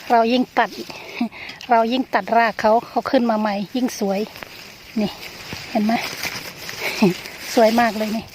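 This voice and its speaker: Chatting casually as she gardens, an older vlogger points things out in a show-and-tell manner, her voice a little high and steady, unhurried with long pauses. She's outdoors in a rural garden, with clear background noise in the recording.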